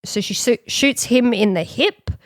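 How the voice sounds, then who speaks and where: A woman co-hosting a podcast, retelling a story in casual chat and acting out quick quotes. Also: fairly high pitch, dry recording, clean studio sound. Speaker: podcast co-host.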